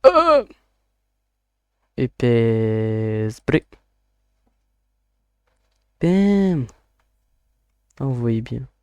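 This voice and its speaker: A streamer talking slowly and loosely over a game, half to viewers and half to themself, with mid-range pitch. The voice sounds close and dry on a desk mic, with no room around it. Now and then the talk drops into casual swearing. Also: a little mellow, no room sound. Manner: chatty, muttering to self, casual swearing. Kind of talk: casual live-stream commentary.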